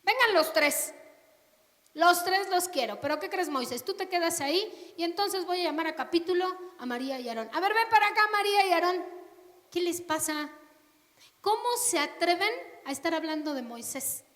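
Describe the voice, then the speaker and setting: Brief: commanding male God in a sermon retelling , a woman doing the voice, high and scolding. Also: animated, moderate pace, a bit bright. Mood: stern. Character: stern male God summoning the siblings. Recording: long reverb of a hall.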